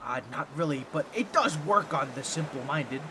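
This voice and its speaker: A man performs a nasal, squawky voice as an excitable, boastful talking octopus in a comedic audio roleplay, addressing the listener in a fussy, theatrical, pompous way. His pitch is on the high side and his speed normal, and the mood is sly and flattering. Slight background noise is present.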